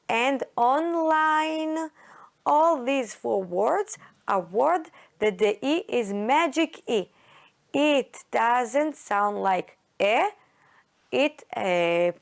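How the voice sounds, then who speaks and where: A woman with an Israeli accent teaches an English lesson to young pupils, slowly and carefully, repeating each word. Her voice sits a little high and has a gravelly edge. She speaks as a native Hebrew speaker. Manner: careful, drawn-out explaining with repeated words. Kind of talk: slow classroom lesson for children.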